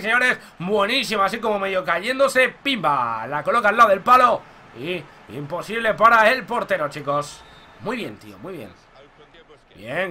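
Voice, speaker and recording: Excitable young gamer, bright voice. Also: male voice, high voice, slight background noise. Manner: excitable, shouts at goals, addresses viewers as "chicos". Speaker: gaming YouTuber. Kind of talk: live football game commentary.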